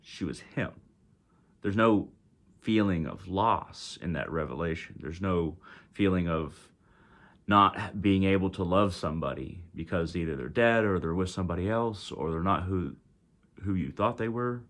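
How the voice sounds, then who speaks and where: A man's voice: low voice, a little slow, fairly bright tone. A man with a Texas accent casually retelling a story, rambling with many ums and self-corrections. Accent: Texan.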